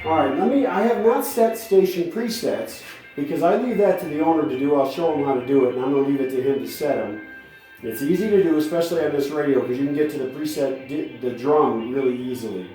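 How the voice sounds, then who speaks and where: A male radio restorer gives an enthusiastic, folksy, informal hands-on demo, filmed on a handheld smartphone in a live-sounding room while a vintage radio plays music. His voice is soft and mellow, on the high side, and fast.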